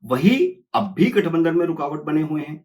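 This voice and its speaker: A man's voice: on the high side, moderate pace, a little mellow. A man delivering a political analysis monologue, assertive and emphatic. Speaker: political commentator.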